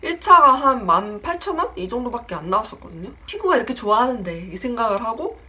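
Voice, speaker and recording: In an animated vlog, a young woman in her twenties recounts a casual story about a friend, putting on different voices for the quoted lines. She speaks quickly in a fairly high voice.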